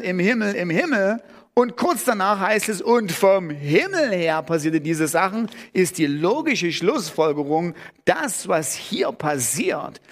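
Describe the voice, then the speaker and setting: High-voiced man preaching with emphasis. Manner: emphatic, rising sharply on key words; thinking aloud with restarts. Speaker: pastor. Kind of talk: sermon.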